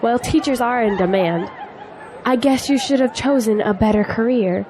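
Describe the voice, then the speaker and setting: A young woman with a slightly high, natural voice speaks at a moderate pace while acting as a spirited young graduate in an audio drama. Her scripted lines come across as teasing yet earnest, with faint noise and an outdoor crowd in the background.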